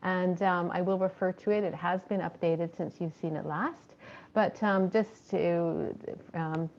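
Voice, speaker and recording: Woman, fundraising coordinator, committee meeting report, low-ish pitch, muffled video call sound, steady delivery with fillers. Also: a little slow. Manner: steady, with frequent ums and uhs.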